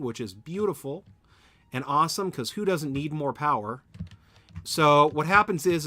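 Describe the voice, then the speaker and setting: Bright and forceful at a medium pitch, this man's voice carries no room sound. He's casually live-streaming a factory-building game, rambling and talking to chat while he builds.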